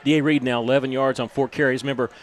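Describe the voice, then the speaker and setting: A middle-aged man calling high school football play-by-play, out of breath and getting louder on big plays. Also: racing, slight background noise. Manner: excitable, rising to loud calls on big plays. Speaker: play-by-play announcer.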